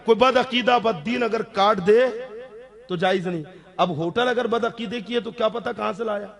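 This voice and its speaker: An Islamic scholar with a high, creaky voice answers audience questions about religious rules. He is emphatic, repeating key rulings, stressing the main points, and often checking that listeners follow.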